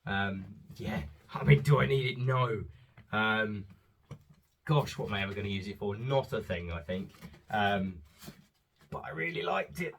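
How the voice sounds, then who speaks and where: A man's voice: fairly low pitch, lively intonation, unhurried, creaky, a bit bright, slight background noise. A man and father, chatting casually at home as he shows off holiday purchases, with lots of ums as he goes. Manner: chatty, rambling, frequent ums. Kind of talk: casual haul vlog.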